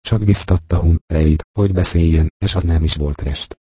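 A male audiobook narrator with a very deep, dark voice and a husky grain, telling a classic novel in measured, even tones. The recording is close and dry, with no room sound at all. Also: dry recording.

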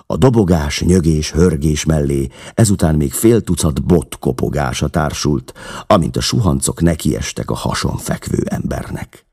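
Brief: very deep, husky male audiobook narrator, dramatic and expressive. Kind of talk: audiobook reading.

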